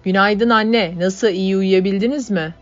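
A woman voicing a young male worker who talks in a sweet, soft-spoken way. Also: mid-range voice, measured pace, close to an everyday voice. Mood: gentle. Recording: dull lo-fi audiobook, faint music.

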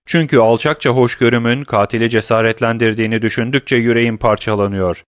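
A man's voice: mid-range voice, fairly even intonation, brisk, clear, resonant tone, no room sound, studio quality, natural voice. Man voicing a solemn, remorseful doctor. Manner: firm, solemn. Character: grave family doctor, remorseful middle-aged man.

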